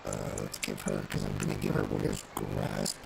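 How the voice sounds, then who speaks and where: A man's voice: a bass voice, completely flat delivery, moderate pace, vocal fry. Robotic metallic-sounding male streamer. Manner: chatty, thinking aloud with fillers. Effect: glitchy robotic metallic distortion. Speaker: game streamer. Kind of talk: casual live gameplay commentary. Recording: noisy, distorted stream audio.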